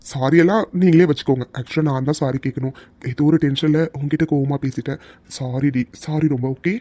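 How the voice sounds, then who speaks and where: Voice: mid-range voice, fairly even intonation, brisk, dark tone, no room sound, close to an everyday voice. A performer voicing a devoted young husband in a cartoon love story, coaxing and emotional, at times crying. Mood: teasing tender. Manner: coaxing, then breaking into tears. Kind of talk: cartoon voice acting.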